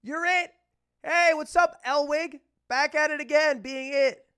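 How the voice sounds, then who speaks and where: A man putting on the high, mocking voice of a young schoolboy teasing a classmate. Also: a little slow, pushed and bright, heavily acted. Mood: taunting. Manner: mocking, sing-song teasing.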